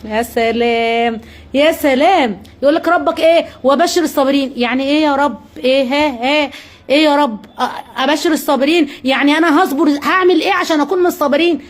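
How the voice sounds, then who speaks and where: Fast-talking Egyptian woman preaching. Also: sits high. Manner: asks rhetorical questions and answers them herself; earnest, coaxing, addresses viewers directly. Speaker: religious advice live streamer. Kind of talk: live-streamed religious talk.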